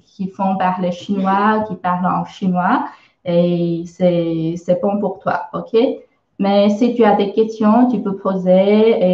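A woman with a Chinese accent leads a live online lesson at a slow, unhurried pace, stopping often to search for words. Her patient explanations come through a roomy, slightly muffled stream recording. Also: fairly low pitch. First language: Mandarin Chinese. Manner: hesitant, many filler sounds, patient explaining. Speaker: Chinese teacher.

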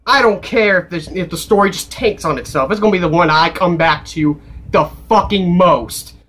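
A young man reacting to a video game trailer, excitable, yelling and cursing. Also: high-pitched, normal speed.

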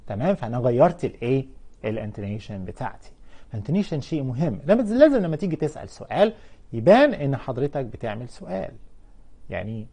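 A man with an Egyptian Arabic accent teaching a televised English lesson, explaining in Arabic and drawing out English example words slowly. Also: mid-range voice, sing-song, mellow, husky.

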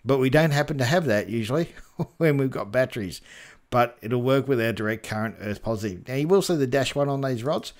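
An Australian man with a medium-pitched voice presents an informal tutorial on repairing a four-wheel drive. He talks fairly quickly with lively intonation, in a relaxed, colloquial style.

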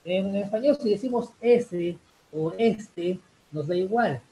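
A fairly high-voiced young man runs a loose, chatty live English class, peppering his talk with "chicos" and "bien". A faint hiss sits under the recording. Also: slow, warm tone, rough recording. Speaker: English teacher.

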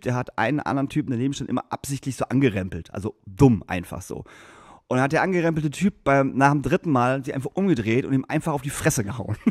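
A man's voice: mid-range voice, dry recording, clean studio sound. A man co-hosting a podcast, telling an anecdote in loose, slangy casual chat and acting out the voices of the people in his story. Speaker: podcast co-host.

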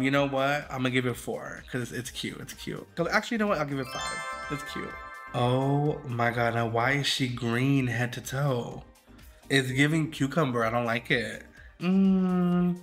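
A man's voice: mid-range voice, a bit bright. A man, a drag queen host, giving sassy, dramatic, shady live commentary while judging a game fashion show.

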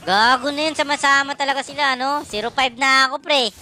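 A woman streamer giving excitable live commentary over her gameplay, swearing and trash-talking the other team. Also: sits high, fairly quick. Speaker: gaming livestreamer.

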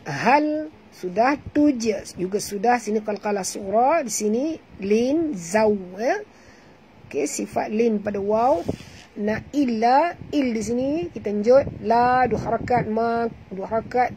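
A woman's voice: fairly high pitch, slow pace, dark tone, slight background noise, poor audio. A woman with a Malaysian Malay accent teaching Quran recitation rules in an online class, patiently repeating sounds and correcting pronunciation. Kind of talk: online tajwid class, explaining and demonstrating recitation.

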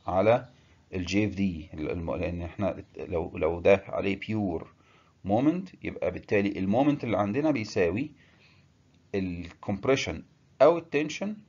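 A man with an Egyptian Arabic accent delivers a structural engineering lesson at a rapid clip, his voice sitting a little low. He works through each step with short filler pauses and English technical words. The recording sounds somewhat dull and lo-fi. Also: a little mellow. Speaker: engineering lecturer. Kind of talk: technical lecture.

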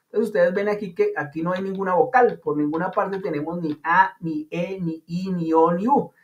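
A man's voice: sits high, fairly even intonation, normal speed. A man teaching an online English class, explaining patiently in a chatty way with playful comparisons. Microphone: video call. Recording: dull lo-fi online call audio.

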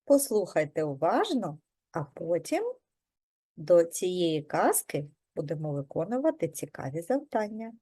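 A preschool teacher reading a folk tale aloud to young children in a gentle, expressive storytelling manner. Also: female voice, fairly low pitch, a little slow, slightly rough.

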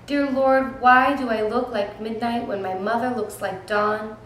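A sad young girl pours out a pleading prayer for a miracle, as a woman teacher reads her part from a storybook. The voice is only a little raised and softened, and the very echoey room rings around it. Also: fairly high pitch, steady tone, measured pace, slight background noise.

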